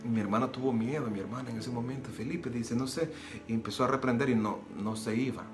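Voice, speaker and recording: A man's voice: mid-range voice, fast talker. A man giving an earnest personal religious testimony, repeating phrases and acting out the dialogue as he retells it. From Nicaragua. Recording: roomy echo with soft guitar music.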